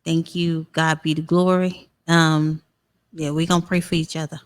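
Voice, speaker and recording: A woman guest on a talk show, speaking of her faith in a halting way with many fillers. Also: low voice, level tone. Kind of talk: casual interview chat.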